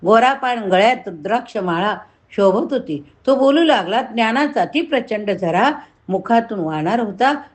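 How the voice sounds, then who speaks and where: A woman narrating a story in a measured, expressive storytelling voice. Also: a little high. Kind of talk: dramatic story reading.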